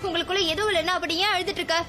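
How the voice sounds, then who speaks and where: A woman's voice: very high-pitched, steady tone, rapid-fire. An actress playing a young woman who keeps pressing her cousin with questions, dubbed for a TV serial. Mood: probing. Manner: probing, insistent questions. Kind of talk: TV serial dubbing. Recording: with music behind.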